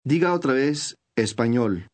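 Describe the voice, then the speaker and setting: A man reading scripted instructions for a language course, clear and measured. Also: medium pitch, expressive, darkish tone.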